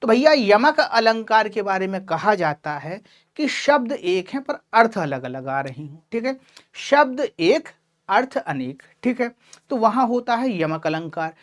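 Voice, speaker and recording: A woman's voice: mid-range voice, big pitch swings, unhurried. Patient Hindi woman teaching a class. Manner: explains patiently, keeps checking with "ठीक है"; addresses students affectionately as child. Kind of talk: online class lecture.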